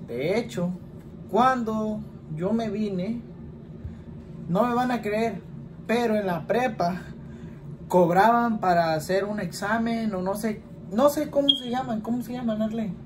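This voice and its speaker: A man in his twenties talks at a measured pace in a high voice, his Mexican Spanish accent clear over a noisy background. Set in a small room with a plain wall, his casual home vlog has him rambling through answers to questions, frequently closing with "¿verdad?".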